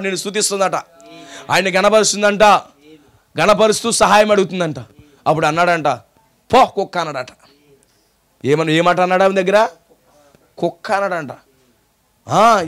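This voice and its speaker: A man with a Telugu accent preaching a sermon as a pastor, firing rhetorical questions at the congregation and pausing for call-and-response. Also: sits high, fairly bright tone.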